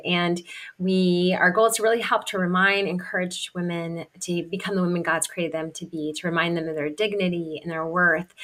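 A woman from Kentucky speaks as a podcast guest, earnest and heartfelt. Her voice is bright and forward, sitting a little low for a woman. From Kentucky, USA. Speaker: guest, singer and life coach. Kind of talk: podcast interview.

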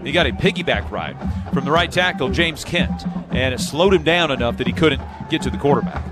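A man's voice: mid-range voice, animated, fairly quick, loud music behind the voice. A man giving conversational analysis as a football color commentator.

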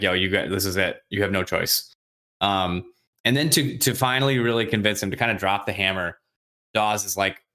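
A man with a fairly low voice recaps a novel in a relaxed podcast chat. He slips into quick, casual impressions of the characters and swears freely as he goes. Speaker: podcast host recapping a book.

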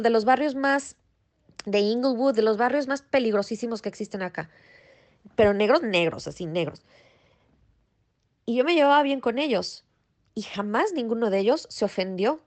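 A middle-aged woman with a Mexican Spanish accent, a property manager talking bluntly and emphatically in a casual interview, mixing in English words. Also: fairly high pitch.

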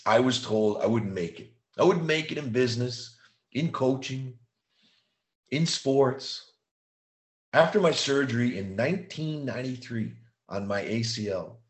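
A man giving an emphatic motivational monologue, repeating key phrases and slowing down to stress them. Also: mid-range voice, reverberant. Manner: slows down for emphasis. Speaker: motivational speaker.

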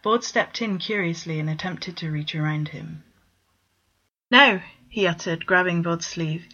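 Low-voiced woman reading a story. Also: moderate pace, fairly bright tone. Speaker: narrator. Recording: dull lo-fi recording.

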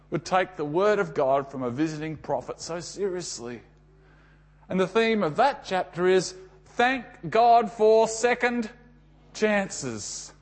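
An Australian man preaching a sermon, telling the story dramatically with emphatic pauses and rhetorical questions. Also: high voice.

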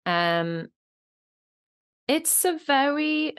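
Speaking extremely slowly yet very animated, in a high voice, an actress in her thirties talks casually as an interview guest with lots of fillers. Norwegian is her first language and Norway her birthplace, though her accent leans British and isn't clearly foreign.

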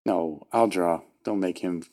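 A man's voice: sits low, a little slow, warm tone. A man chatting casually while playing a tabletop game. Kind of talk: casual chat.

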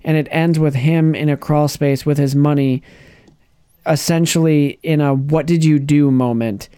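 A man chatting casually on a podcast, retelling a TV episode with lively acted-out lines and frequent restarts. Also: a little high, moderate pace, smooth, no room sound, clean studio sound. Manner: animated storyteller, acts out characters' lines, restarts often. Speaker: podcast co-host. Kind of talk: casual chat recapping a TV episode.

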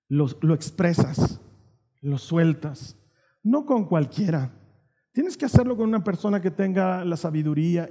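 High-voiced male pastor preaching in a hall. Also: mellow. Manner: earnest, conversational preaching with asides to the congregation. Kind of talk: sermon.

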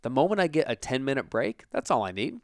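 This American man, a self-help coach and show host, speaks conversationally and emphatically in an informal motivational talk from his basement office, giving voice to imagined self-talk. He's very animated and quick, at medium pitch, with clean studio sound and no echo.

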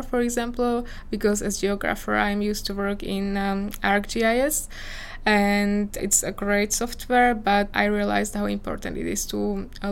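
A woman's voice: mid-range voice, gravelly. A woman in her twenties from Slovakia with a Slovak accent, answering interview questions earnestly in English as a non-native speaker, searching for her words. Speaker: visiting scholar guest.

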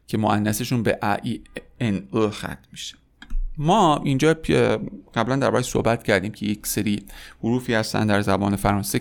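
A man with a gravelly, creaky voice teaches a French lesson for beginners. He explains points at a brisk pace, then slows down to say each word carefully and repeat it for learners. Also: mid-range voice. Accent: Persian-speaking. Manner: explains quickly, then says French words slowly and repeats them. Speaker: language teacher.

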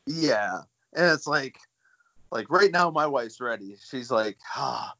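A man's voice: medium pitch, animated, unhurried, bright, forceful tone, lo-fi sound. A young man talking as a guest artist in a casual chat, jokey and chatty. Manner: jokey, chatty, laughs easily.

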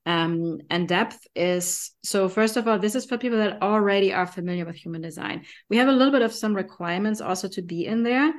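A woman's voice: mid-range voice, fairly quick, hardly any pauses. A woman with a German accent co-hosting a podcast, chatting in an enthusiastic, conversational way and often tagging sentences with "right?". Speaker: podcast co-host. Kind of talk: casual podcast chat.

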